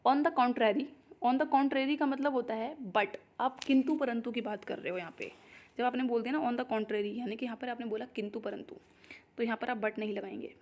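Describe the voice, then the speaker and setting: A woman's voice: a little high, normal speed. A young Indian woman teaching an exam-prep grammar lesson, explaining step by step and often checking in with "okay". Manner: explanatory, repeats "ठीक है" to check understanding. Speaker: English teacher.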